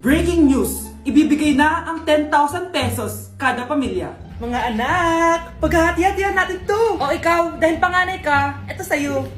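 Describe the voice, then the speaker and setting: A woman acting out a mother and her children in a comedy skit, lively and bantering. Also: high voice, normal speed, few pauses, roomy sound, soft background music.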